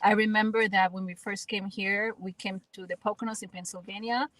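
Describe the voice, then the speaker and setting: Speaking fairly quickly with fairly even intonation and a fairly bright tone, this Dominican woman, whose first language is Spanish, appears as a guest actress and spoken word artist on a radio interview. She's earnest and reflective, often repeating words while she finds her phrasing, and her mid-range voice comes through a rough recording with slight hiss or hum.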